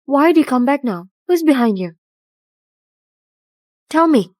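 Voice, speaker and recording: A woman's voice: high voice, lively intonation, measured pace, darkish tone, dry recording, clean studio sound. A woman dubbing a betrayed bride who sternly questions her fiancé. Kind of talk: dubbed drama acting.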